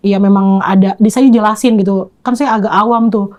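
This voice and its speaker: A woman as an interview guest, giving a casual spoken account of events in a rapid, running way. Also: mid-range voice, fairly even intonation, darkish tone.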